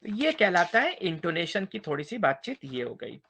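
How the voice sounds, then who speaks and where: A man's voice: high voice, very animated, normal speed, fairly bright tone, slight background noise. A man giving a university English lecture, mixing two languages, who keeps checking that students understand. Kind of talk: bilingual classroom lecture.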